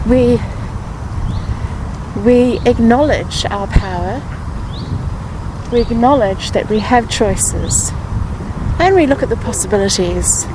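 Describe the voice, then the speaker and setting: A woman guiding a grounding meditation, speaking positive affirmations with pauses and repetition. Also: on the high side, noisy background. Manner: slow, pausing grounding-exercise delivery with repeated affirmations. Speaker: meditation guide.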